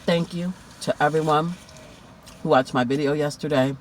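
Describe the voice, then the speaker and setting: A man's voice: fairly high pitch, fairly even intonation, moderate pace, a little hiss or hum. A man chatting casually in a food mukbang vlog, heartfelt and talkative, lingering over each item. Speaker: food vlogger.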